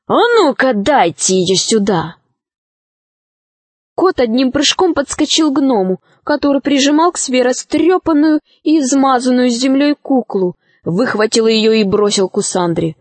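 A woman tells a fairy tale in a bright, animated reading voice. Her pitch sits a little high, and the recording is close and dry with no room around it. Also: moderate pace, few pauses, no room sound. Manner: lively, expressive storytelling. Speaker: narrator.

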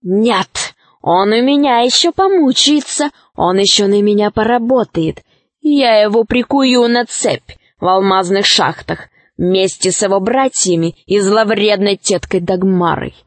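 A woman voicing a slow, menacing male villain from a fairy tale who gloats over his enemies. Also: mid-range voice, dry recording, lightly acted. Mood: cruel.

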